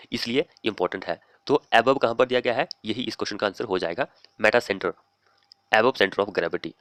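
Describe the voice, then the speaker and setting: A male teacher reading exam questions aloud slowly and explaining each answer in a plain, steady way. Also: lowish voice, dry recording. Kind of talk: screen-recorded exam lesson.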